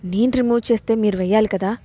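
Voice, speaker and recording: A woman reading the part of a fiery young bride who is quick to flare up and sulks like a child. Her voice sits at a middle pitch in this audio-story telling. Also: steady tone, dark tone, natural voice. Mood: fiery, petulant.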